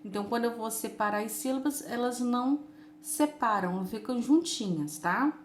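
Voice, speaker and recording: A woman teacher giving a children's lesson, saying words slowly and patiently and stretching them out. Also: fairly high pitch. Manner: slow, patient, drawn-out words. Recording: echoey room with faint noise.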